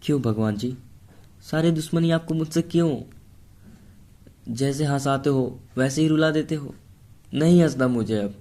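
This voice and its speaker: A man's voice: medium pitch, normal speed, long pauses, warm tone, pitched above the performer's own voice, close to an everyday voice. A man voicing a heartbroken young woman who snaps back bitterly. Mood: anguished. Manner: bitter and hurt, snapping back. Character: heartbroken young woman, tearful and sharp-tongued.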